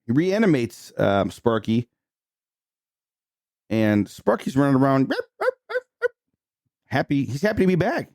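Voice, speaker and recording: Podcast host, man, animated storyteller, close dry mic. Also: medium pitch, measured pace, long pauses, no echo. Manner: chatty, retelling plot with filler words. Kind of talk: casual movie recap chat.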